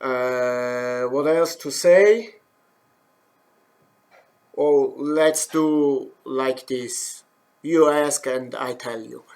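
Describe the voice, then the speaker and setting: A middle-aged professional wood turner from German-speaking Switzerland hosts a live-stream demo from his workshop in English, his third language, with a Swiss German accent. His medium-pitched, darkish voice is extremely slow, full of pauses, fillers, and self-corrections.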